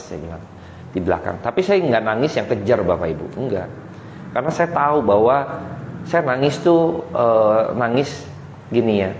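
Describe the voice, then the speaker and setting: A man's voice: fairly low pitch, darkish tone, a little hiss or hum. A man in his forties giving an emphatic sermon, putting rhetorical questions to the congregation. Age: 40s. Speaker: preacher. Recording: echoey hall, dull muffled sound.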